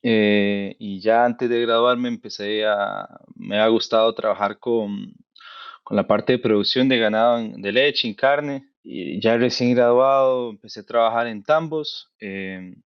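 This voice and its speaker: A man in his thirties from Costa Rica, a veterinarian guest, explaining his work in a relaxed, thoughtful, conversational way. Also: on the low side, unhurried, clear, resonant tone, no echo, lo-fi sound. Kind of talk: casual conversational interview.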